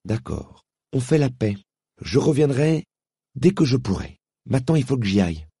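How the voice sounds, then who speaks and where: Man voicing a feisty young girl, indignant, lively, storybook. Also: medium pitch, creaky, slightly rough, dry recording, clean studio sound, pitched above the performer's own voice, exaggerated voice. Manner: sarcastic, quick, indignant. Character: spirited young London girl, sharp-tongued.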